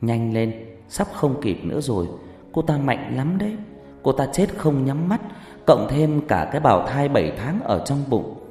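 A man's voice: mid-range voice, sing-song, normal speed, warm tone, lightly acted. A man voicing a stern old female shaman who speaks in a grave, admonishing way. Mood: grave warning. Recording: reverberant hall with background music.

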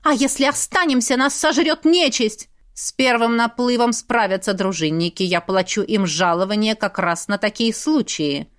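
A woman's voice: on the high side, moderate pace, natural voice. A woman voicing a stern aristocratic father in an audiobook, giving curt, clipped orders. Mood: cold, resolute. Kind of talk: audiobook character reading.

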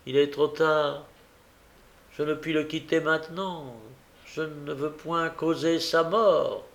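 A man's voice: fairly high pitch, little pitch movement, slow, gravelly, fairly bright tone, heavily acted. A man reading the part of a desperate, remorseful young woman who pleads through tears, in a fervent, anguished way.

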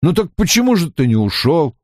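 A man voicing a calm, thoughtful young man who speaks in a measured way in an audiobook. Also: on the high side, no echo, clean studio sound, voice pushed up.

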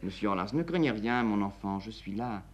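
A man reads a crafty older father hiding his identity, speaking low and hushed. His tone is wheedling and secretive, pitched under the reader's natural voice. It sounds like a one-man reading of a stage comedy. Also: expressive, brisk, natural voice. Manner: low, murmured delivery.

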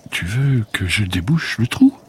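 Storybook girl, curious and kind, read by a man in a low, barely altered voice. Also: very animated, unhurried, husky, exaggerated voice.

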